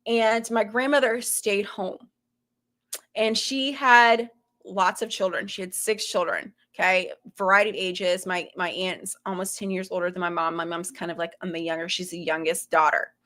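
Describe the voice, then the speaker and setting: A woman's voice: fairly low pitch, fairly even intonation, moderate pace, sharp tone. A woman from Florida with a faint Southern lilt, hosting a casual commentary to her viewers, talking in a suspicious, rhetorical way and checking in with "okay?" after each point. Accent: slight Southern US. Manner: conspiratorial, rhetorical, keeps adding "okay?". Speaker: host.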